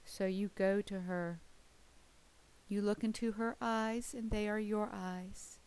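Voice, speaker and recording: A woman leading a guided visualization, speaking gently and deliberately in short phrases with pauses between them. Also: mid-range voice, steady tone, smooth, rough recording. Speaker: guided meditation leader. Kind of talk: guided visualization narration, second person.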